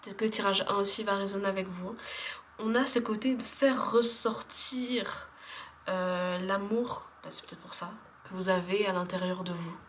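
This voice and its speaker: A woman talks through a spiritual card reading in a loose, hesitant way, full of fillers and trailing off into near-whispers. Her voice sits at an ordinary middle pitch. Faint background hiss lingers under the recording. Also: fairly even intonation, normal speed. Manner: chatty, hesitant, many fillers, often drops to a soft whisper. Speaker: tarot card reader.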